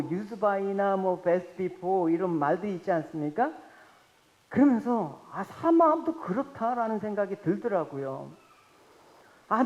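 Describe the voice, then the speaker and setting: A man preaching a Sunday sermon as pastor, animated and often calling out to his congregation. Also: high voice. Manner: animated, addresses congregation directly. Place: church sanctuary. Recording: reverberant hall, dull lo-fi sound.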